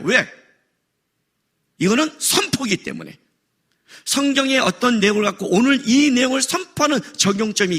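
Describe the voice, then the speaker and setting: Middle-aged male pastor preaching in church; bright, slightly husky voice, animated and joking. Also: high voice. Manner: animated, jokes and raises voice for effect. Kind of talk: sermon. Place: church worship service.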